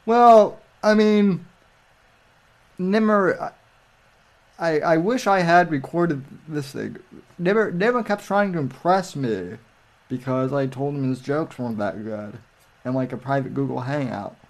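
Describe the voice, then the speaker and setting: Slow, rambling man chatting. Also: a little high, expressive. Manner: rambling, halting storytelling with many restarts. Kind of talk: casual chat.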